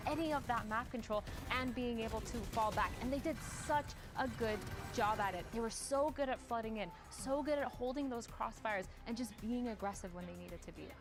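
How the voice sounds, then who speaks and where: A woman's voice: a little high, a little fast, few pauses. A woman analyst giving a fluent, detailed tactical breakdown of an esports match on a broadcast desk. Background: music.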